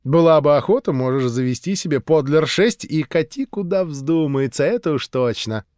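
A man's voice: on the high side, animated, normal speed, darkish tone, smooth, dry recording, studio quality, close to an everyday voice. A man voicing a brash, flirty earthling woman in an audiobook, cocky and teasing.

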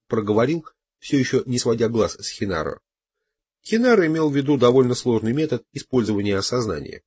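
A man narrating an audiobook in first person with a measured, expressive reading. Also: mid-range voice, husky.

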